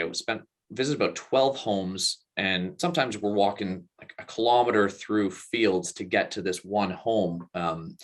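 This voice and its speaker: Deep-voiced man telling a story earnestly. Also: fairly bright tone. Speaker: guest, company co-founder. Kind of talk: personal storytelling in an interview.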